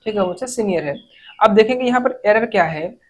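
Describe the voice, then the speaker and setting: A woman teaching an exam-prep grammar lesson, reading English sentences slowly word by word and then explaining them. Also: medium pitch, lively intonation, a little mellow, poor audio.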